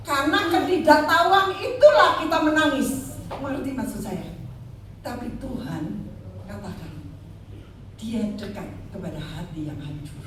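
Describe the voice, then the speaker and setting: A woman's voice: high-pitched, noisy background. An older woman evangelist preaching a Christmas sermon with personal testimony, emphatic and addressing the congregation directly. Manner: emphatic, calls audience "saudara". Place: church hall. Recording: echoey hall from far off, faint ambience.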